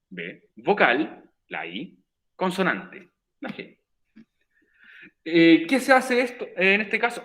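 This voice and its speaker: A man's voice: fairly high pitch, fairly bright tone. A man teaching an English class, patiently repeating the rules step by step. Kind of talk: recorded virtual class explanation.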